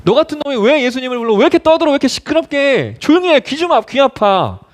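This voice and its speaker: A pastor voicing a contemptuous crowd that shouts down a beggar with scornful orders to be quiet. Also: male voice, high-pitched, animated, rapid-fire. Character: harsh scolding crowd of men, contemptuous.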